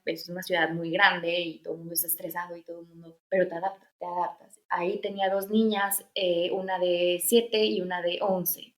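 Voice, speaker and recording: A woman's voice: lowish voice, echoey room. A Mexican woman in her thirties, an interview guest chatting casually about her experiences, with many fillers and restarts. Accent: Mexican Spanish. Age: 30s. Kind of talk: casual storytelling.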